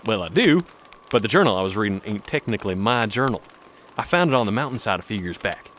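A man's voice: lowish voice, lively intonation, fast, a bit bright, a little hiss or hum. An actor playing a folksy mountain man telling a story by the campfire in an audio drama.

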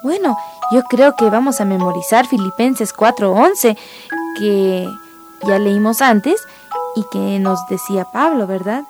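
A woman hosting a children's radio program, reading a story aloud and leading a Bible memory verse in a lively, teacherly way. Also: medium pitch, unhurried, over music.

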